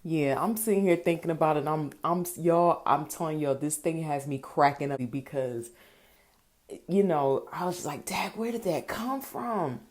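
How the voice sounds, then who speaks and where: A woman vlogger telling viewers a funny confession in a casual, animated way, laughing through her story and calling them y'all. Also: sits low, moderate pace, no echo.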